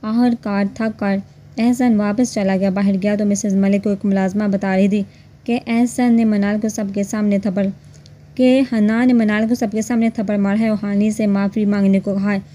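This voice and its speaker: A woman reads a romance novel aloud in a steady, even way. Her voice is mellow and dark, at a middle pitch. Scripted storytelling narration. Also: normal speed.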